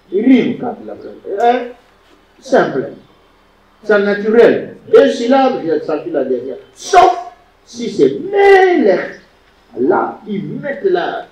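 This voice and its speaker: A man lecturing on Hebrew in a classroom, a little high-pitched and unhurried, stressing words syllable by syllable. The sound is roomy and echoing, picked up by a mic placed well away from him. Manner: animated, emphatic teacher pronouncing Hebrew words syllable by syllable. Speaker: Hebrew teacher. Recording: echoey room, distant mic, dull lo-fi sound.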